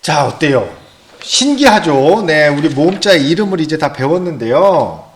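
A man's voice: fairly high pitch, big pitch swings, moderate pace, reverberant. A man teaching young children, cheerfully leading them through a call-and-response chant while they clap along. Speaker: elementary school teacher. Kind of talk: children's lesson.

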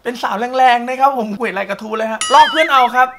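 A man's voice: very high-pitched, fast talker, background noise. A man from Thailand hosting a comic online show, reading forum posts and teasing them in a playful, crude, slang-filled way. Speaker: YouTube host reading forum threads.

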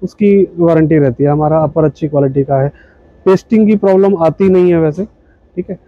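At a stall in an indoor exhibition hall, a footwear company representative in his thirties patiently explains his company's shoes, with many fillers and a polite "ji, sir." His voice runs high and fairly quick, and the audio is dry and phone-like.

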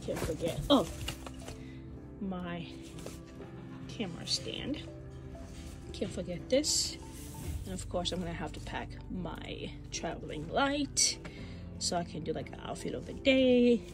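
A woman's voice: on the low side, lively intonation, slow pace, pauses often, music in the background. A young woman from Zambia, chatting casually in a vlog while she packs in her bedroom, laughing often and using many fillers. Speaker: vlogger. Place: bedroom at home.

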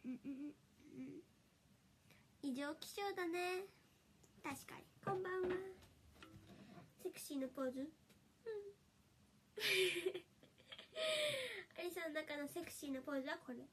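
Young female idol streamer, high bright pitch, stuffy cold voice, playful and giggly. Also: a little slow, pauses often, slight background noise. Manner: giggly and playful, frequent laughter. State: nasal from a summer cold. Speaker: idol livestreamer. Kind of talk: casual livestream chat reading comments.

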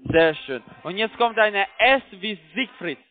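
This call center IT agent has a high, expressive voice and a measured pace, heard over a tinny narrowband phone line with a little hiss or hum. German isn't his first language, and his foreign accent shows as he gives step-by-step instructions. He repeats things and keeps checking with tag questions that he's being followed.

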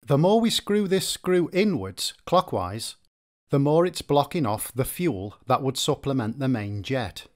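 Male narrator for a repair tutorial; methodical, lively pitch, mid-range voice. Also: unhurried. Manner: methodical, explanatory. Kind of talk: scripted instructional narration.

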